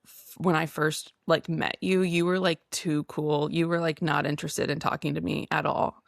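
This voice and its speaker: A young woman hosting a podcast, talking in a chatty, easygoing way with quick asides and laughs, who grew up abroad. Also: sits low, flat delivery, vocal fry, dry recording, studio quality. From grew up abroad in the Middle East. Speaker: podcast host. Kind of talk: casual chat.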